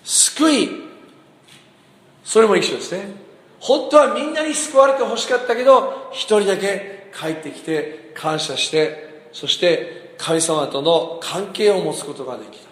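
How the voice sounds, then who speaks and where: A man preaches in a high, lively voice that swoops up and down as he acts out quotes and keeps asking his listeners questions. His sermon rings through a roomy hall with a long echo. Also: unhurried. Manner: animated, asks the congregation questions, acts out quotes. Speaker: pastor. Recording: echoey hall.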